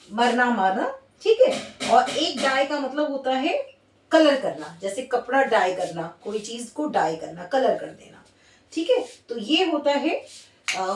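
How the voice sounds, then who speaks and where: A woman's voice: sits high, distant mic. A woman teaching English grammar in a patient, repetitive way, often checking that listeners follow. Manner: patient, repetitive, checks understanding with tag questions. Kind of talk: classroom-style explanation. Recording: echoey room, voice set back from the mic.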